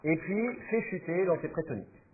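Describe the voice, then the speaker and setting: A man's voice: fairly high pitch, lively intonation, a little fast, narrow, tinny audio, background noise. A man teaching a class, explaining patiently and thinking aloud with fillers as he goes. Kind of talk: classroom lecture.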